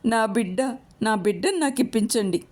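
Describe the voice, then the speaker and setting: Woman voicing poor young mother, tearful, pleading, high, storybook. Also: animated, normal speed, darkish tone, natural voice.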